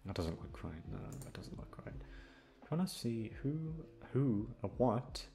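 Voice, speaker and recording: This man, an audio roleplay creator, has a mid-range, gravelly, warm voice that is very animated yet measured in pace. Over background music, he gives a casual, rambling outro chat, scattered and self-deprecating, cursing freely as he talks to listeners.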